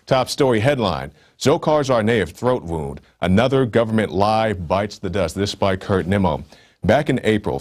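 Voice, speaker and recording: A man with a very low voice hosts his own news commentary show. He talks emphatically and loosely, with casual asides and frequent "uh"s between his points. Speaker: online show host.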